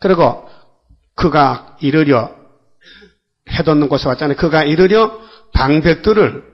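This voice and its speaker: Older pastor, folksy questioning sermon. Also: male voice, fairly high pitch, animated, a little slow, highs cut off. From South Korea. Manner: folksy, rhetorical questions to the congregation. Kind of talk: dawn worship sermon.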